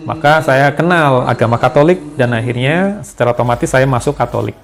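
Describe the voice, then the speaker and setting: A man's voice: mid-range voice, a little fast, creaky. A man talks through his own story at an easy conversational pace. His voice sits mid-range, and he stops here and there to hesitate and find his words. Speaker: interview guest telling his conversion story. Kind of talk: relaxed testimony conversation.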